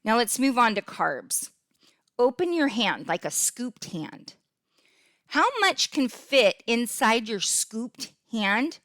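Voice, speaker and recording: A woman's voice: fairly high pitch, big pitch swings, takes it slowly, fairly bright tone, dry recording, studio quality. A middle-aged woman hosting a fitness podcast in a casual, upbeat way, often checking in with "okay?" as she explains. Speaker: podcast host and fitness coach.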